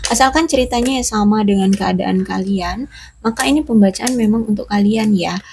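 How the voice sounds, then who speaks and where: A woman's voice: medium pitch, fairly quick, creaky, darkish tone, a little hiss or hum. A woman giving a casual love reading in a chatty, reassuring way, full of fillers. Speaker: tarot reader.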